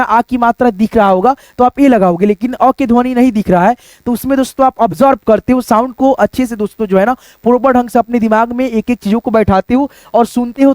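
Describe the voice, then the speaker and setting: A man's voice: very high voice, a little mellow, no room sound. A man teaching a casual lesson, explaining letter by letter and often addressing listeners as friends.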